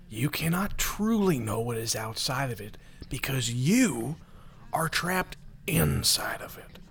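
A man's voice: a little high, creaky, sharp tone, heavily acted. A man voicing a smug, condescending demon prophet in an audio drama, talking in a lecturing way.

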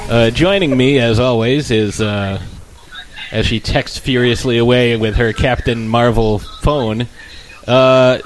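A man's voice: medium pitch, fairly even intonation, slow, soft background music, low-quality recording. A man hosting a podcast with rambling, dry joking introductions and casual comic banter. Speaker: podcast host.

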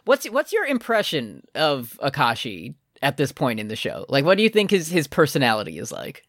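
A man's voice: medium pitch, moderate pace, no room sound, clean studio sound. A man co-hosting a podcast, recapping an anime in casual, joking chat. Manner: lively, joking, exclaims loudly when excited. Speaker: podcast co-host.

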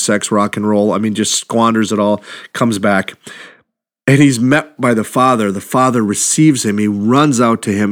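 A man preaching a sermon, retelling a parable in a lively, conversational way and acting out the characters' lines. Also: fairly low pitch. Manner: animated storytelling, acts out quotes, conversational asides.

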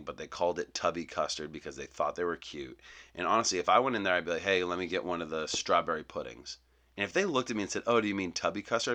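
Low-pitched man in a rambling comic rant. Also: sharp tone. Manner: rambling, self-interrupting, mock-outraged. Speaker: comedian host. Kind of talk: comedic monologue.

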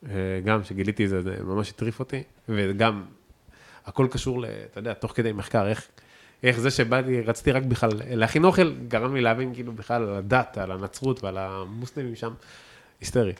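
A man with an Israeli accent chatting casually as an interview guest, enthusiastic and emphatic, repeating words for stress. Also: lowish voice. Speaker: podcast guest, chef.

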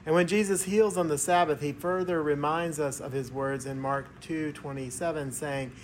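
Guy preaching a homily in church, slightly high voice, formal and measured, bit of background noise. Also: steady tone. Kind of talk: sermon, homily. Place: inside a church.

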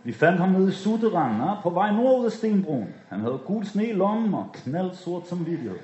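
A man voicing a sly, smooth-talking male street dealer who coaxes and flatters, in a dull, echoey room recording. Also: high-pitched. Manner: slick and coaxing.

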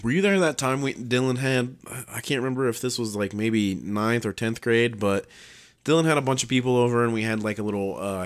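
A young man co-hosting a casual chat podcast, crude and teasing, laughing often as he reminisces. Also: medium pitch. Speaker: podcast co-host.

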